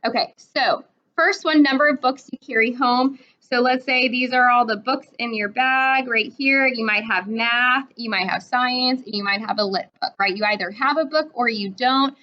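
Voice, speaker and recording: In this dull, lo-fi classroom recording, a twenty-something woman walks through a math lesson one step at a time, frequently asking "right?". Her voice sits on the high side and her pace is normal.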